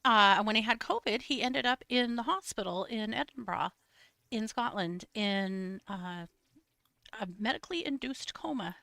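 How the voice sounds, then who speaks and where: Woman with a bright sharp voice, sarcastic true crime chat, dry close sound. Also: on the high side, normal speed, gravelly, dry recording. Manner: wry, sarcastic, laughs often. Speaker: true crime podcast co-host. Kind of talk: casual chat, live stream.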